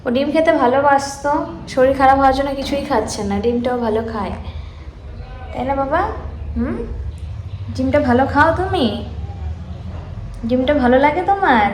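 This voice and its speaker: A woman's voice: sits high, moderate pace, pauses often, roomy sound, slight background noise, rough recording. A woman vlogging in a home kitchen, chatting casually as she walks through her cooking step by step. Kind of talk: casual vlog narration.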